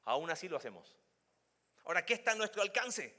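A man preaching a sermon as pastor, moving between quiet, low reflection and loud, high emphasis, and putting questions straight to his listeners. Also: sing-song, fairly quick. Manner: addresses listeners directly with questions. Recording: long hall reverb.

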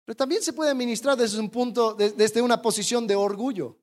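Animated preacher asking rhetorical questions. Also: mid-range voice, fairly quick. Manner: animated, acts out quoted attitudes. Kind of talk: sermon.

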